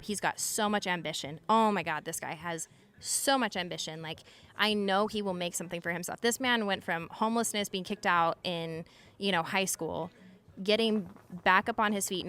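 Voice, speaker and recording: A woman in her thirties, a podcast guest, talking candidly and casually, with many filler words, frequent swearing and quick laughs. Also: medium pitch, fairly bright tone. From Utah. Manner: chatty, lots of "like" fillers and swearing, laughs often.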